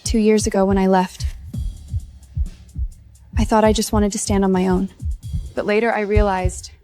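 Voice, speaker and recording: A woman's voice: mid-range voice, little pitch movement, moderate pace, mellow, faint music behind, lightly acted. Actress playing a mildly drunk young woman confessing love. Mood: tipsy, earnest confession. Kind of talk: screen drama acting.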